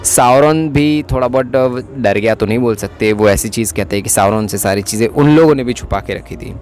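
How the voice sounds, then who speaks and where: A man narrating a casual, chatty recap of a TV episode, often tacking on quick tag questions. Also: mid-range voice, darkish tone, soft background music. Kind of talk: casual Hindi plot recap.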